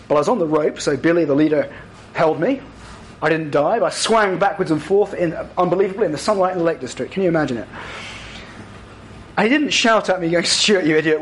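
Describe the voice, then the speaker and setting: An earnest man delivering a sermon, his voice sitting a touch high for a man. He jumps up higher and louder for the lines he acts out. A faint hum of noise runs under the recording. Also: low-quality recording. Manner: earnest, rises to higher, louder voicing for acted quotes. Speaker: preacher.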